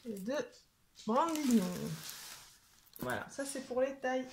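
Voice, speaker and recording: A woman's voice: high voice, expressive, a little slow. A woman vlogger casually showing her craft kit collection, chatty and peppering her talk with little "hop" and "voilà" interjections. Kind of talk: casual show-and-tell vlog. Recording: echoey room with clear background noise.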